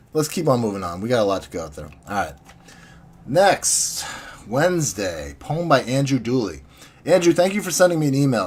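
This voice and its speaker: A man's voice: deep voice, a little hiss or hum. A man hosting a small magazine's podcast, chatting casually, swearing now and then, and reading listener submissions and poems aloud. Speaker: magazine host.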